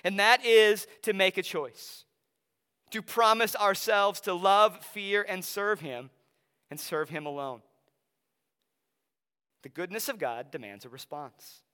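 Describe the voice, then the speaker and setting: A pastor preaches in a high, ringing voice that sounds crisp and clear. He talks conversationally, then slows right down to lean on key phrases. His words trail into the long reverb of a large hall. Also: sharp tone. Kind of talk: sermon with Bible reading and personal story.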